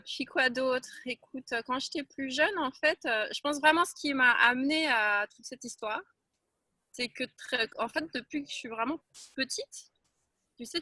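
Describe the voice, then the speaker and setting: A French woman who teaches Taoism speaks frankly and emphatically as a guest in a reflective interview. Her voice is fairly high and sharp, recorded with no echo.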